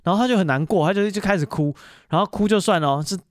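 A man hosting a podcast, casually telling stories alone and pausing on fillers as he goes. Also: sits high, dry recording, studio quality. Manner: chatty, animated retelling full of fillers. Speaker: podcast host. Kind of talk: casual solo storytelling monologue.

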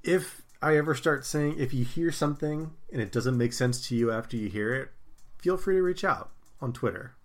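A man's voice: mid-range voice, normal speed. A man co-hosting a casual sports podcast, wry and self-deprecating. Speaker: podcast co-host.

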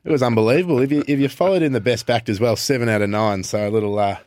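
A man's voice: medium pitch, rapid-fire, a little mellow, no room sound. An Australian man on a radio panel, chatting casually about racing tips. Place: radio studio.

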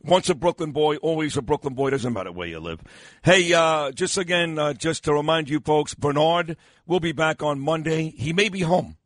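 A man's voice: a little high, normal speed, dry recording. A man hosting talk radio in a blunt, teasing, casual way on a close studio microphone. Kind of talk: casual call-in radio banter and ad reads.

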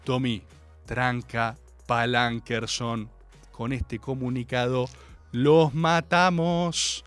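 A man putting on the voice of his fretful older father, muttering low and slow in Argentine Spanish. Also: steady tone, a bit bright, smooth, faint music behind. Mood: conspiratorial.

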